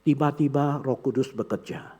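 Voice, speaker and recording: A male pastor preaches through a story, jumping up in pitch to act out each person in it. His voice is husky and sits at an ordinary middle pitch. He tells it casually, as though talking to his congregation. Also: moderate pace. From Indonesia. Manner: animated storyteller, acting out quoted voices with big pitch jumps. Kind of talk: sermon with storytelling.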